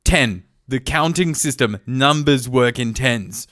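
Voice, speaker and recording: A man's voice: mid-range voice, takes it slowly, fairly bright tone. A man co-hosting a podcast in casual, playful chat, riffing on the other host's jokes. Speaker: podcast co-host.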